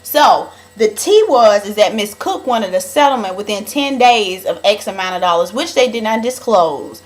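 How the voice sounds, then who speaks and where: A woman's voice: medium pitch, animated, normal speed. A young woman recapping a reality show in a chatty, dramatic gossip style, calling her viewers honey.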